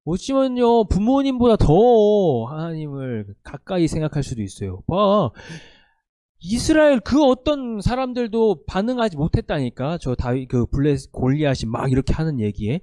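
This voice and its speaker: Animated man preaching to teenagers. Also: high voice, normal speed, no echo, studio quality. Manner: animated, conversational, asks the listeners questions. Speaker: youth pastor. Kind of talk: sermon to a youth group.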